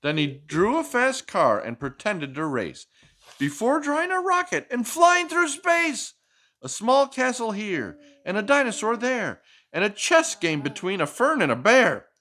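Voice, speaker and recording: A man reads a picture book to a child at a measured pace, his voice sitting high, sing-song and sharp in tone. Hosting the children's storytime, he mixes in playful, chatty asides and echoes the child's answers to his questions.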